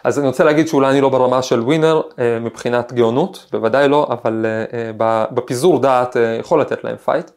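A man's voice: medium pitch, steady tone, hardly any pauses, a little mellow. Reflective man telling stories. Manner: thoughtful, storytelling, frequent hesitations. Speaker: podcast host, professor. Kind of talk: reflective podcast monologue with personal anecdote.

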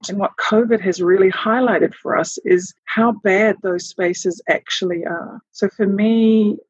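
A woman from Samoa with a breathy, husky voice talks in an earnest, reflective way. She often restarts her sentences as she thinks. The recording is dry and dull, with the top end muffled. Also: medium pitch, no room sound. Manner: earnest, thoughtful, with hesitant restarts. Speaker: interviewee.

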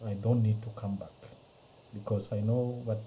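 With a lowish voice and a level tone, the middle-aged Ethiopian-born guest offers a measured, slow testimony, hesitating and filling pauses frequently in his non-native English. His voice sounds warm and dark, and the podcast interview mic yields a rough recording with a slight hiss in the background.

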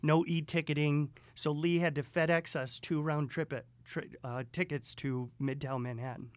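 A man from upstate New York, a podcast guest telling a story with lively acted-out dialogue. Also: fairly high pitch, moderate pace, no room sound. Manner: animated, acts out both sides of dialogue. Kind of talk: storytelling in conversation.

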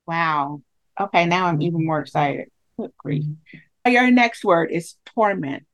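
A woman's voice: on the low side, unhurried. A woman hosting a podcast interview, chatty and enthusiastic. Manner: enthusiastic, chatty, laughs often. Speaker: podcast host.

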